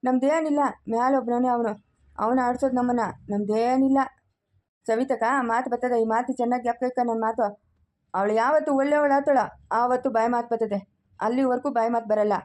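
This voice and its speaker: A woman's voice: on the high side, steady tone, fairly quick, a little mellow, close to an everyday voice. A woman acting a caring middle-aged village mother in an amateur family drama, with a soothing, advising way of talking.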